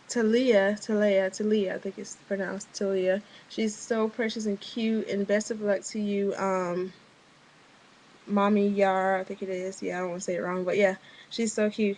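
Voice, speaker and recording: A young woman with a twang talks through a casual video diary update at a middling pitch. She rambles, restarts her sentences and leans on fillers, with an offhand, slightly frustrated tone. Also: poor audio. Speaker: vlogger.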